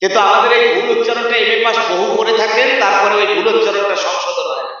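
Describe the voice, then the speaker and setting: High-voiced man preaching in an echoey hall. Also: fairly even intonation, fast talker, sharp tone. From Bangladesh. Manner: teacherly, quizzes the audience and drills pronunciation. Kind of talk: devotional sermon with sung phrases. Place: large echoey hall before a live audience. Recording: distant, echoey, dull hall sound.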